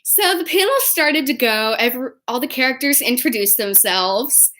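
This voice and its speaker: A young woman casually telling convention stories to the camera, chatty and excitable, acting out what people said. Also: high-pitched, moderate pace. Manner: chatty, excitable, acts out quotes in different voices. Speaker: vlogger. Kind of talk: casual storytelling vlog.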